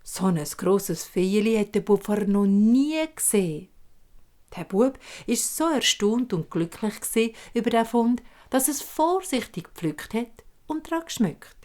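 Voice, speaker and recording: Woman, Swiss German accent, fairy tale narrator, slow and gentle, mid pitch. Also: expressive. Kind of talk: storytelling.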